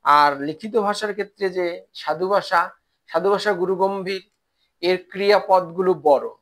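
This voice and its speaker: Bengali teacher lecturing with fillers. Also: male voice, sits high, moderate pace, fairly bright tone. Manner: explanatory, with many "ah" fillers. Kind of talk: recorded online lecture.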